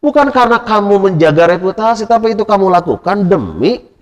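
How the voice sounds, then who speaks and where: A stern older religious teacher lectures his pupil in a raised, urgent voice, as a man acts him out. His high, strained voice rings through a long hall reverb. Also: sing-song, brisk. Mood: admonishing.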